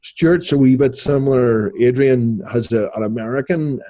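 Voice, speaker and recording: A middle-aged man with a Belfast accent, co-hosting a podcast in relaxed, rambling casual chat. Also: medium pitch, moderate pace. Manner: relaxed, rambling, self-correcting. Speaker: podcast co-host.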